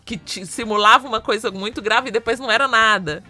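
A woman's voice: fairly high pitch, quick pace, a loud crowd. A woman with a Brazilian accent, chatting as a podcast co-host in an enthusiastic, gossipy way. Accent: Brazilian Portuguese. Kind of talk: casual chat about TV soap operas.

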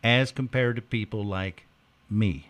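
A man's voice: lowish voice, a little slow, fairly bright tone. A middle-aged man co-hosting a morning radio show, bantering casually and joking at his own expense. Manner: joking, self-mocking, playful teasing.

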